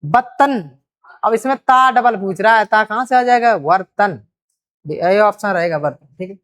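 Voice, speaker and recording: A woman's voice: medium pitch, normal speed. A woman teaching a grammar exam-prep lesson, addressing students fondly and drawing out repeated words as she works through each question.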